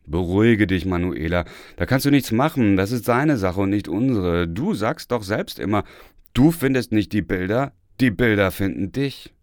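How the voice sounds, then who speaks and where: A man voicing a calm, level-headed husband who reassures his wife. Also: lowish voice, moderate pace, dry recording, clean studio sound, natural voice. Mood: soothing.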